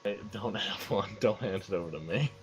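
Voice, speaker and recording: A man's voice: lowish voice, fairly quick, soft background music, rough recording. A man playing in a tabletop game, bantering casually, swearing freely and blurting out jokes. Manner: swears freely, joking outbursts. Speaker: player.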